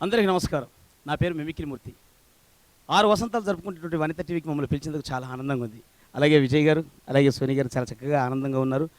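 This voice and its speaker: A man's voice: a little high, racing, faint music behind. A man playing a boastful senior mimicry artist in a comedy skit, teasing and talking over his junior.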